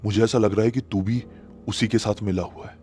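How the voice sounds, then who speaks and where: A man's voice: fairly high pitch, very animated, moderate pace, breathy edge. A man playing a jittery rickshaw driver. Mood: suspicious. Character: frightened, suspicious male auto-rickshaw driver.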